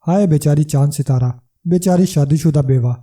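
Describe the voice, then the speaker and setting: A man's voice: a little high, dark tone, distant mic, lightly acted. A man voicing a mocking, whiny young man who taunts his sister's husband, in a storybook reading. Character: mocking tearful young male brother-in-law.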